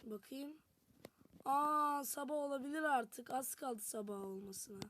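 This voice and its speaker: Her high-pitched, fairly bright voice moves a little slowly as she narrates her gameplay, talking chattily to viewers. The rough recording has slight background noise along with music.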